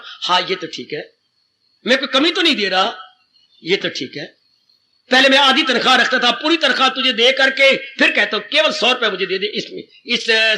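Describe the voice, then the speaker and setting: A man preaches a devotional sermon in a very high, piercing voice. He is fervent, repeats words for emphasis and calls his listeners children. A faint noise hums behind him. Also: sharp tone. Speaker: spiritual teacher.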